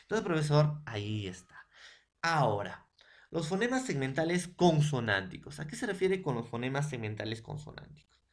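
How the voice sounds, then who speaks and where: A man's voice: on the high side, big pitch swings, moderate pace. A male school teacher with a Peruvian Spanish accent, explaining phonetics step by step in a recorded lesson and repeating filler words.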